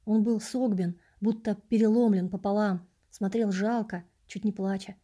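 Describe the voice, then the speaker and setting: A woman reading an audiobook in quiet, measured narration. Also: mid-range voice, steady tone. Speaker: audiobook reader. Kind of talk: scripted narration.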